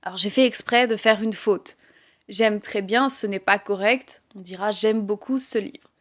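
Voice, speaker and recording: A woman with a French accent giving a relaxed, conversational language lesson, explaining things with light laughs and fillers. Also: medium pitch, normal speed. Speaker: French teacher.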